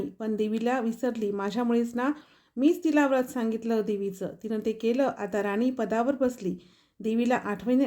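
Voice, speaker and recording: A wrathful old woman in a storybook tale, really a goddess in disguise, pours out bitter rebukes. Her tone stays soft and mellow, pitched a little high, as a woman narrator voices her. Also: natural voice.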